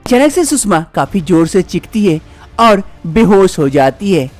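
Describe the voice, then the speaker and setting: Man narrating a story, fairly high voice. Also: sing-song, measured pace, faint music behind.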